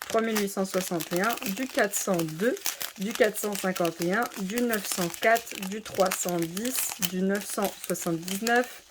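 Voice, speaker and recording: A woman hosts a casual unboxing of a craft kit, speaking straight to her viewers. She works through long lists of numbers and points out spots one after another in a steady, methodical way. Packaging crinkles now and then in the background. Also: medium pitch, a little slow, noisy background. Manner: chatty, addresses viewers directly. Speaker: diamond painting channel host.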